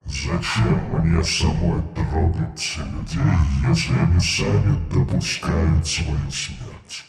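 A man voicing a cold, menacing ancient female entity who speaks slowly and detachedly, with an echo effect on the voice. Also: rumbling low, creaky, a little mellow, pitched below the performer's own voice, heavily acted. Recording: echoey with faint music.

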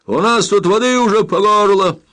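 A man reading aloud, voicing a bold male pirate captain who barks loud commands in an audiobook. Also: fairly low pitch, expressive, takes it slowly, no echo. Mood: commanding.

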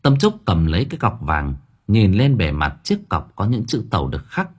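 A man narrates a story with a husky, slightly rough voice. His pitch swings widely as he tells it, and his delivery is expressive and lively. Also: moderate pace. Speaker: audiobook narrator.

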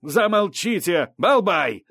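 A stern woman judge who thunders her reprimands, as a male narrator plays her, pitched above his own voice. Her commands boom out in a dry, close storybook reading. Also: sing-song, slow, creaky, fairly bright tone, slightly rough, no room sound, full character voice. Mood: commanding.

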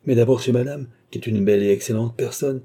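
A man's voice: medium pitch, quick pace, dark tone, voice pushed up, close to an everyday voice. A man voicing a suspicious, acrimonious philosopher in a storybook reading. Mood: bitter. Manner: sour, acrimonious. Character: bitter, suspicious aging philosopher.

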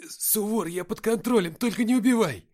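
A man voicing a young male writer, scared and then hostile, in a loud, strained, higher voice. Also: big pitch swings, a little slow. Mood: pleading.

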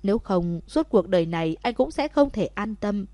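A woman's voice: medium pitch, animated, moderate pace, dry recording, lightly acted. Woman voicing a pleading young husband. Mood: coaxing. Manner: loud begging calls.

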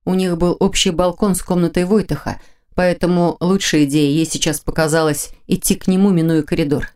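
A woman narrating a mystery audiobook in a measured, even storytelling manner. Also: fairly low pitch. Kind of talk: scripted narration.

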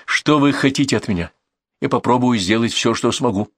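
A man voicing a stern male police investigator who gives curt, calm orders. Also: medium pitch, fairly quick, dry recording, clean studio sound, natural voice. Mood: calm command.

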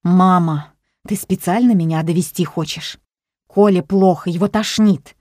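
A frazzled, furious mother who snaps and shouts at her family, as a woman reader plays her. The voice is mellow and dry, close to the mic, pushed loud. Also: fairly low pitch, unhurried, no room sound. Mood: exasperated. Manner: shouting, exasperated.

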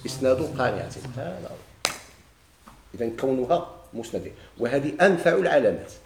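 A man with a Moroccan Arabic accent teaches grammar at a quick clip, firing questions at his students and answering them himself. His voice sits at an ordinary pitch and rings around an echoey room, with a faint noise in the background. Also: very animated, gravelly. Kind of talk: classroom lesson.

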